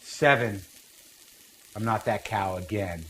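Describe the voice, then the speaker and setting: A man's voice: lowish voice, slow, a bit bright, rough recording. Blunt, rambling man cooking, faint noise. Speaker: cooking show host. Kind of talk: casual cooking demonstration with rambling asides. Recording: faint noise, sizzling pan.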